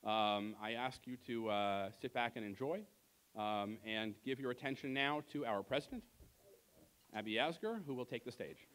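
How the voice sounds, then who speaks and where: A man's voice: medium pitch, normal speed, a bit bright, clear, resonant tone. A man giving a heartfelt tribute speech at a banquet, searching for words before handing off the stage. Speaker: banquet emcee. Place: large event hall in a car museum.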